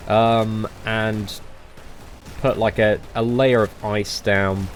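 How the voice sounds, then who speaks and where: A man's voice: on the low side, takes it slowly, slight background noise. Laid-back man giving game commentary. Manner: relaxed chatty guide, many fillers, excited bursts. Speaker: gaming channel host.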